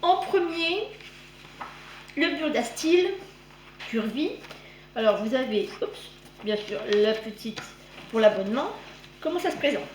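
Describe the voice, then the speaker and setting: A woman's voice: a little high, expressive, a little slow, long pauses. A woman with a slight lisp on her s sounds, chatting casually as she hosts a magazine review vlog. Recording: roomy echo, clear background noise.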